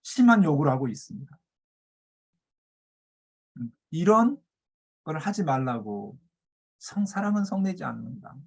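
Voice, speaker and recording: A male pastor preaching a sermon, acting out scripture characters' lines with shifting pitch and loudness. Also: very animated, unhurried, creaky, pauses often, slightly rough. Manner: acts out biblical quotes with shifting pitch and loudness.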